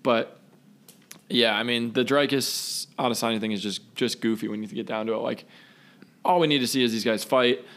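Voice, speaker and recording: A man co-hosting a fight podcast, talking in a relaxed, rambling way with lots of fillers. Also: medium pitch, normal speed. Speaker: podcast co-host. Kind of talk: casual chat.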